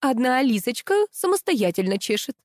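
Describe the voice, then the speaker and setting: A woman's voice: on the high side, sing-song, brisk, no room sound, studio quality, pitched above the performer's own voice. A woman voicing a stern female show manager who scolds and keeps order. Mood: scolding. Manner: curt, scolding.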